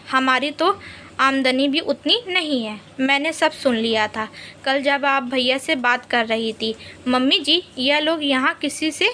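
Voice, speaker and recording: A woman voicing a sharp-tongued young daughter-in-law who speaks out loudly and bitingly. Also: high-pitched, a little hiss or hum. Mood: firm. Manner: loud, biting, outspoken.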